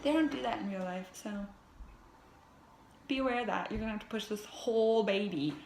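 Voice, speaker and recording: A young woman vlogger telling a casual storytime, animated and often laughing. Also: brisk, creaky. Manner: animated, laughing often, cursing, pitch jumps when reliving the pain. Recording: echoey room with faint hiss.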